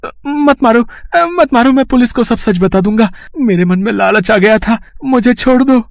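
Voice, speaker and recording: A man voicing a greedy, cowardly village man who pleads in a high, frantic voice. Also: expressive, normal speed, creaky, no room sound, studio quality, exaggerated voice. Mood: panicked.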